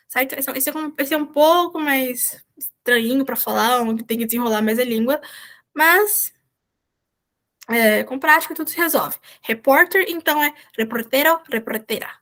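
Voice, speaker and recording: A woman's voice: fairly high pitch, fairly bright tone. A woman, a volunteer teacher, explaining Spanish vocabulary in an online class and checking in with her students often. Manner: explains patiently, checks in with "certo?".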